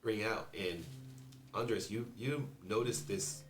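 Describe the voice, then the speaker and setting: A man narrates a tabletop role-playing session as game master, with frequent hesitations and fillers. His voice sits very low. He sounds distant in an echoey room, with music playing underneath. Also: slow pace. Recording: roomy, distant mic, music behind.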